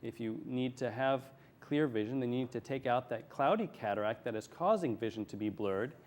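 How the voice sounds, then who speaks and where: A man's voice: medium pitch, fairly quick, darkish tone. A man speaking as a medical expert in a TV interview, explaining things plainly and step by step. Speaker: eye surgeon, interview guest. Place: TV studio.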